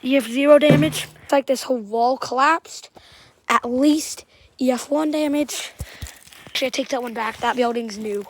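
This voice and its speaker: A soft-spoken Southern-sounding woman, halting storm-damage commentary. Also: high voice. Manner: halting, rambling, often trailing off quietly. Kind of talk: walking tour commentary. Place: outdoors at a damaged site.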